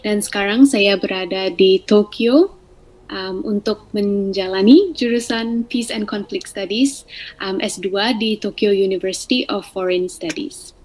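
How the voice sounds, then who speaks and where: A woman's voice: medium pitch, poor audio. Woman, hesitant, many fillers. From Malaysia. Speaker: student. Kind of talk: prepared talk to camera.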